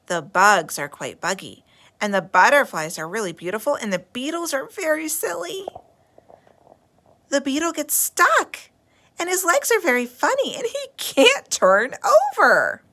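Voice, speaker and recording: Woman putting on a small excitable girl, insistent, sing-song, high lively voice, bright tone. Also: moderate pace. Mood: insistent pleading.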